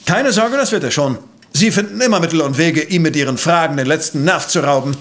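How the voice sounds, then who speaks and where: An actor playing an exacting, self-assured professor and amateur sleuth in a German audio drama, speaking precisely and pompously. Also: male voice, on the high side, lively intonation, brisk, a bit bright. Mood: analytical, assured.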